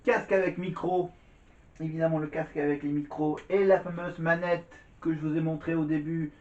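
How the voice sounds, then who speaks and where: Talking to camera indoors at home, a vlogger rambles casually, repeating words and frequently saying "voilà." His slightly high, darkish voice has a flat delivery at a moderate pace, and the echoey room gives a dull, lo-fi sound.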